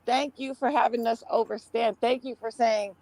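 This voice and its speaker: A woman's voice: on the high side, fairly even intonation, moderate pace, vocal fry, a little mellow, dry recording. A woman giving casual religious testimony in Rasta speech, exclamatory and rambling, often repeating her words. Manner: Rasta speech, with "ites", "overstand", "big up" and "brethren".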